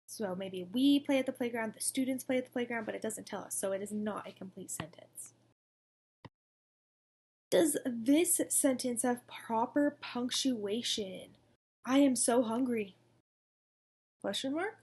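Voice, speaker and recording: A woman's voice: fairly high pitch, expressive, a little slow, darkish tone, slightly rough. A young woman teaching a recorded lesson to second graders, in an upbeat, coaxing manner. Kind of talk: recorded distance-learning lesson.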